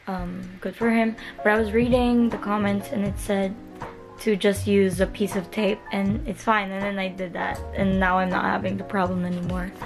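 A young woman chatting casually to camera in a vlog, her voice hoarse and partly gone. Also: mid-range voice. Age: young adult. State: voice partly gone after a party. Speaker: vlogger. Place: small bedroom, indoors. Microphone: camera at arm's length.

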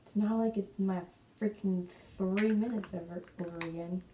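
A woman's voice: medium pitch, fairly even intonation, normal speed, warm tone, a little hiss or hum. A woman vlogger chatting in a rambling way while doing her makeup at home, talking to her cat now and then. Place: room at home. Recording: echoey room, mic at a distance.

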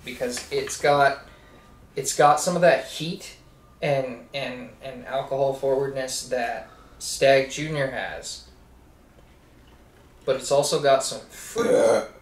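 Brief: male co-host, unhurried rambling delivery with frequent laughs, recorded a bit far off in a roomy space. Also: mid-range voice. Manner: rambling, laughs often, restarts mid-sentence. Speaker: co-host of a whiskey review channel. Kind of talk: casual whiskey tasting chat. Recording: echoey room, mic at a distance.

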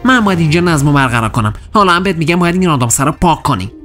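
A woman's voice: low-pitched, lively intonation, fairly bright tone, soft background music. A woman voicing a stern, bossy teenage boy hall monitor in a dubbed kids' video drama, speaking in a commanding, strict way.

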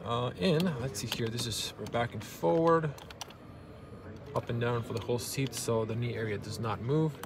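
Gravelly-voiced guy in his 30s doing a casual car walkaround at an auto show, handheld cam, noisy hall behind. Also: mid-range voice, normal speed. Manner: running commentary, pointing out details as he goes. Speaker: car reviewer. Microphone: handheld camera mic. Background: show hall ambience.

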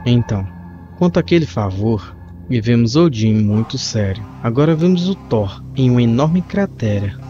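A man narrating a comic book as a reader, describing the panels in steady storytelling. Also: medium pitch, moderate pace. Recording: muffled lo-fi with faint music.

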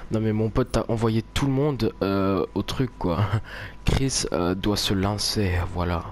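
A man's voice: lowish voice, a little slow. A man doing casual, jokey, rambling let's play commentary as a spooked, grumbling horror game streamer who swears a lot. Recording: noisy home game recording. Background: horror game ambience.

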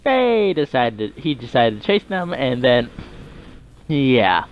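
A man improvises narration over a game video at an unhurried pace. His pitch rises and falls in lively swings, and he wanders off on chuckling asides. A faint hiss sits under the voice. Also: lo-fi sound.

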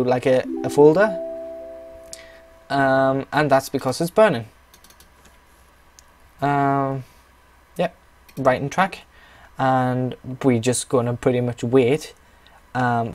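A man's voice: medium pitch, darkish tone. A young man with a northeast English accent narrates a casual computer tutorial. He rambles, stops for chatty asides and pokes fun at himself. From northeast England. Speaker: tutorial maker. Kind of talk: casual screen-recorded tutorial.

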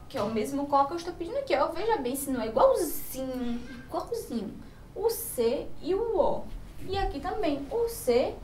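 Slow sing-song Brazilian teacher woman. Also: extremely high pitch, roomy sound, far from the mic, slight background noise. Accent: Brazilian Portuguese. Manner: slow, sing-song, drawn-out words, asks children questions. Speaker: primary school teacher. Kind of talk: children's literacy lesson.

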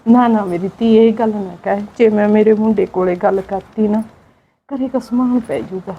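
A woman acting as a meek elderly village mother in a homemade family drama, speaking softly in a pleading, resigned way. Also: medium pitch, normal speed, husky, narrow, tinny audio. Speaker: neglected old mother in a family skit.

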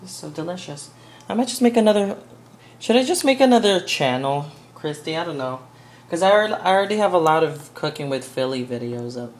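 A woman's voice: low-pitched, animated, a little fast, a little mellow. A young woman chatting casually as she cooks in her home kitchen for a vlog, rambling and giggly. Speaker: cooking vlogger.

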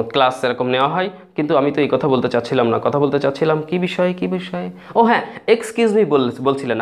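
A man teaching English phrases in a casual video lesson, repeating and spelling out words for viewers while writing on a board. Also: on the high side. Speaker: English tutor.

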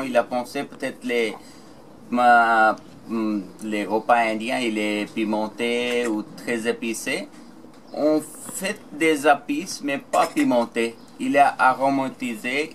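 A restaurant owner explaining his cooking in polite, halting French with grammar slips. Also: mid-range voice, a bit bright. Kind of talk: casual explanation. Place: outdoor terrace, then a tiled kitchen. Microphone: camera mic a few feet away. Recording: roomy sound with clear background noise.

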